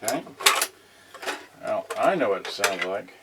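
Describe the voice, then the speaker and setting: With music playing behind him, a man with a lowish, lively voice speaks a little slowly as he hosts a casual, unscripted electronics unboxing. He rambles and thinks aloud, often drifting off mid-thought, and the noisy home recording has clicks.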